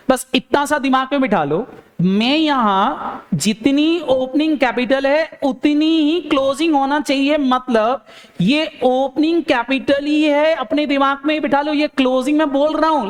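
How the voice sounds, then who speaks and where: Quick-quizzing male accounting teacher. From India. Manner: drills students with rapid questions, then answers himself lower; urging, repeats phrases for emphasis. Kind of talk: classroom lecture.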